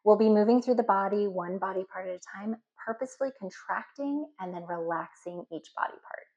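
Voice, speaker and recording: A woman instructor leads a deep relaxation meditation, speaking calmly and instructively with slow pauses. The audio is dull, muffled and lo-fi.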